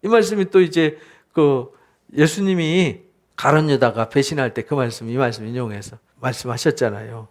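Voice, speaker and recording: A man's voice: mid-range voice, normal speed. A middle-aged male pastor preaching a conversational sermon, acting out prayers and laughing now and then. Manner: laughs while speaking. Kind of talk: sermon, Bible exposition.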